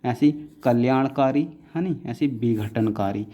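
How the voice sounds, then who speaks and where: A man's voice: medium pitch, a little slow, warm tone. A man teaching shorthand in a patient, repetitive classroom manner, often checking in with his students. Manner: patient, repeats "है ना" often, calls students "बेटा". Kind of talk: classroom lesson explaining writing rules.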